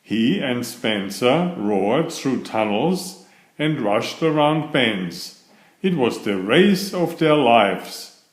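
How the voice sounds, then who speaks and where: With deliberate pacing and lots of expression, a man with a mid-range voice reads aloud a children's bedtime story. He comes across as a storybook reader, captured in an echoey, roomy space.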